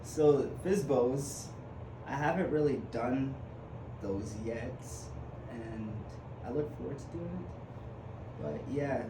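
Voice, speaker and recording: A man's voice: mid-range voice, slow, long pauses. Chatty young man in an echoey room. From Uganda. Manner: chatty and hesitant, many fillers and restarts. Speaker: podcast guest. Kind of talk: casual conversation. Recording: echoey room with background noise.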